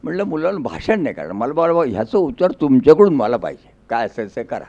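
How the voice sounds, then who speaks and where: A man's voice: mid-range voice, very animated, fast talker, darkish tone, highs cut off. A man giving a folksy storytelling speech, acting out dialogue in a rural dialect. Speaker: public speaker.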